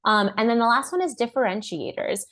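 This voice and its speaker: A young woman giving an online marketing class in an upbeat, conversational way, full of "like" and quick acted-out asides. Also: on the high side, expressive, a bit bright. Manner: upbeat and conversational, heavy use of "like"; acts out clients' and buyers' lines in a raised voice. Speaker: marketing workshop presenter.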